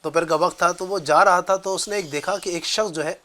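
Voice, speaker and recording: High, bright-voiced man telling a story. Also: fairly even intonation. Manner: storytelling, affirming with short interjections. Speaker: religious talk show co-presenter. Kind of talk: conversational religious storytelling.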